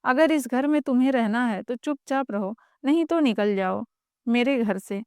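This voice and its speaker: A woman's voice: on the high side, normal speed, darkish tone, clear, resonant tone, no room sound, natural voice. Woman doing a harsh husband, stern, commanding, dry storybook reading. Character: harsh husband siding with his sister.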